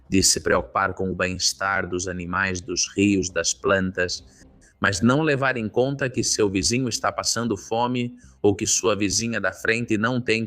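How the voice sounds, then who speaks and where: A man with a Spanish accent speaking as a political commentator, emphatic and rhetorical, slowly listing his points. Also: on the low side, fairly bright tone.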